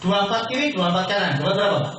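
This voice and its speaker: The seminar speaker fires off words rapidly in a high, expressive, fairly bright voice, selling a business opportunity to a hall audience he keeps calling "Pak." He questions listeners and supplies his own answers. The lo-fi recording is very echoey and distant, with a little hiss or hum.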